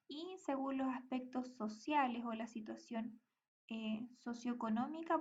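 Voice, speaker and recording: A woman's voice: sits high, highs cut off. A woman teacher with a Chilean accent gives a recorded class, explaining step by step and often checking in with the students. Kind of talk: recorded class lesson reading slides.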